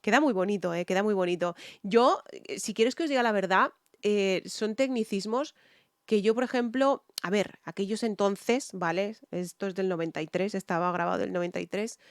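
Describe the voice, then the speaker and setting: A woman's voice: medium pitch, moderate pace, no echo, studio quality. A woman from Spain with a Spanish accent, a singer giving casual reaction commentary on songs, chatty with many fillers and sung snatches of melody.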